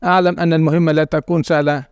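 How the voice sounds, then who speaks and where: Brief: male story narrator, slightly high, dry close sound, steady dramatic reading. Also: very fast, clean tone, dry recording, lo-fi sound. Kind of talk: scripted first-person story narration.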